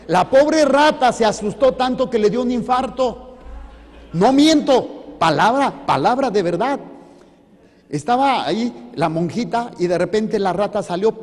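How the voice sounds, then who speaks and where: A priest preaching a sermon in a church, joking and putting questions to the congregation. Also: male voice, sits high, darkish tone. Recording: reverberant hall.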